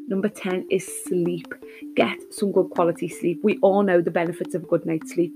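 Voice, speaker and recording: A woman hosting an advice episode, talking to listeners in an upbeat, encouraging way as she sets out tidy tips. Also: on the low side. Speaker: podcast host.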